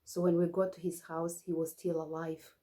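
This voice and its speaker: A woman in her forties from Rwanda, giving personal testimony at a commemoration in a steady, measured way, in short phrases. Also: fairly low pitch. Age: 40s.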